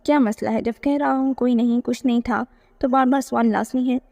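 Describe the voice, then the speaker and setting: A woman's voice: on the high side, steady tone, a little fast, gravelly, dark tone. A woman voicing a troubled young husband who is curt and defensive, in a read-aloud novel. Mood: tense.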